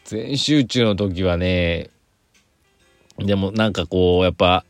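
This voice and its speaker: A man's voice: low-pitched, slow pace, no echo, faint music behind. A middle-aged man hosting a casual solo podcast. He rambles with lots of fillers and corrects himself mid-sentence while recording inside a parked car in a garage. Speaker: podcast host.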